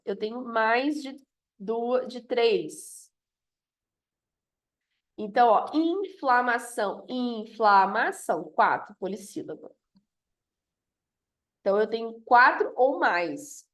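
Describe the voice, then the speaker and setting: A woman's voice: fairly high pitch, animated, slow pace, pauses often. A woman teaching a grammar review lesson, explaining step by step and often checking in with "ok?".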